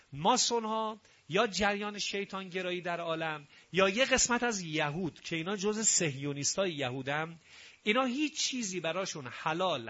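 A man preaching a night sermon, impassioned, swinging between loud emphasis and hushed asides. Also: high voice, dull audio.

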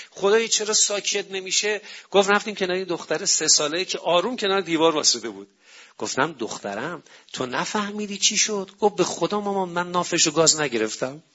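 A man giving an animated public talk on parenting and family, telling stories and acting out what people say. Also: high voice, husky. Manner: animated storytelling, acting out quotes. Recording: dull lo-fi recording.

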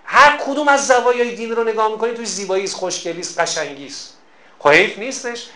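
A man's voice: high voice, sharp tone. A man giving a storytelling sermon as a religious lecturer, emphatic and exhorting, who repeats his key phrases.

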